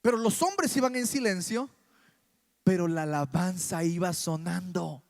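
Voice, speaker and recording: A man with a Mexican Spanish accent preaching a sermon in church, animated and full of rhetorical questions. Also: high voice, unhurried, creaky.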